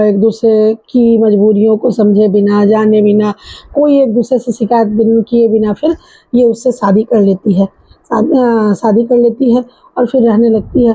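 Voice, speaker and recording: A woman telling a story in a casual, conversational way, often pausing on fillers and restarting her sentences. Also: fairly high pitch, dark tone, slightly rough. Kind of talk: casual spoken retelling of a story. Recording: dull lo-fi recording.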